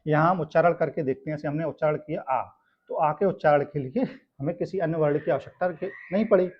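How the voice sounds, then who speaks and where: A male teacher from India explaining a grammar lesson step by step, often checking in with tag questions. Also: on the high side. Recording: dull lo-fi sound.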